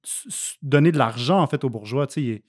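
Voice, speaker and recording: A man with a Québécois French accent and a mid-pitched voice tells history in a loose, colloquial way. He hesitates often and fills pauses with ums. It is casual podcast conversation. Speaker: podcast co-host. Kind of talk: casual political history discussion.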